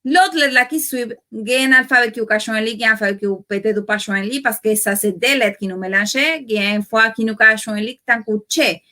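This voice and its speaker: A woman with a Haitian accent teaches a language lesson in a bright, clear voice that sits a little high. She explains step by step and repeats each example word carefully, stressing the right syllable. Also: quick pace, hardly any pauses.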